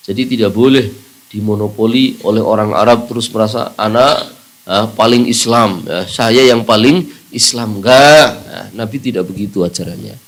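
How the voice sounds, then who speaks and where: A man giving a Quran commentary lesson, with many "ya" and "nah" fillers and rising emphatic questions. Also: fairly low pitch. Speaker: Quran teacher at a boarding school.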